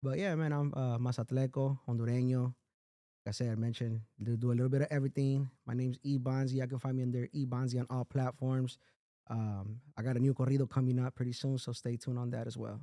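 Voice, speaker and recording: A man's voice: mid-range voice, level tone, a little fast, dark tone. A young man from Inglewood, telling his story in a laid-back, slangy way as an interview guest. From Inglewood, California. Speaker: music artist guest. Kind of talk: casual interview chat.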